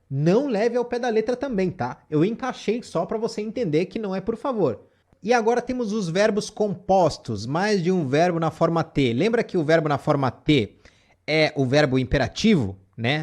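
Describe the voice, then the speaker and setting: A man's voice: high voice, darkish tone. A man teaching a casual spoken lesson, explaining step by step and checking in with the viewer often. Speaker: Japanese teacher.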